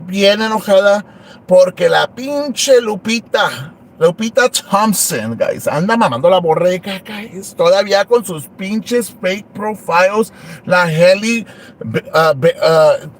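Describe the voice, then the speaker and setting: A man's voice: high voice, full character voice. A man playing Rubí Moreno, a brassy gossip. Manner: switches between Spanish and English, crude, gossipy. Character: brash foul-mouthed gossiping woman livestream host. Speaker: host. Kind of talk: comedy livestream character.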